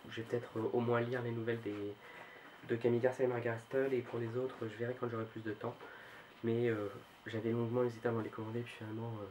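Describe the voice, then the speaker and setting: A man's voice: mid-range voice, flat delivery, fast, a little mellow, dull audio, slight background noise. A man casually showing his book collection on his video channel, talking hesitantly with many fillers and restarts. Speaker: book vlogger.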